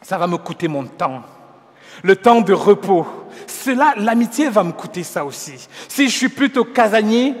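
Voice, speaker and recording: A man preaching a sermon, earnest and gently persuasive, measured, often restarting his words. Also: high voice, big-room sound. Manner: measured, with frequent restarts and stumbles. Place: church hall.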